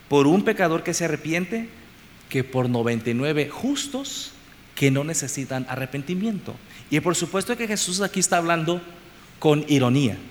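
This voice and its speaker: A man delivers an expository sermon, driving his points home by repeating phrases and moving between loud stresses and quiet lines. His voice sits fairly high for a man. It rings with long reverb over faint background noise, as in a church hall. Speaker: preacher.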